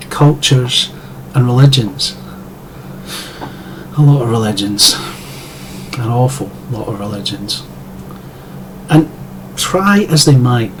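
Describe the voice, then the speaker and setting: A man's voice: mid-range voice, noisy background. Sardonic Scottish man ranting. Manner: sardonic, profane. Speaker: commentator. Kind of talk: scripted monologue.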